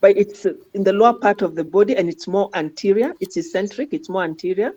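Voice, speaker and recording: This woman teaches radiology, talking a trainee through scan images in an informal way and tagging her statements with questions like "huh?" Her voice sits in the mid range, a little mellow, and she speaks quickly. The lo-fi audio is dull.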